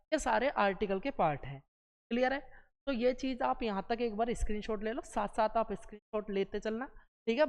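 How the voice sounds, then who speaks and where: A woman teacher giving a classroom lecture to exam students, posing rhetorical questions and answering them herself. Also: a little high. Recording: reverberant room, dull lo-fi sound.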